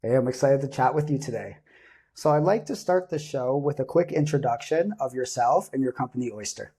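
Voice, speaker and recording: Mellow, husky-voiced male host. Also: medium pitch, animated, a little fast. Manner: upbeat, chatty questioning. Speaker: podcast host. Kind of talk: casual interview.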